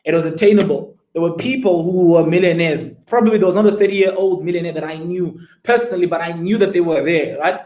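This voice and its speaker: A man's voice: fairly high pitch, fairly even intonation, quick pace, few pauses, a little mellow, reverberant, rough recording. A man, telling his story as an interview guest and pressing listeners with rhetorical questions. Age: 20s. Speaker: guest entrepreneur.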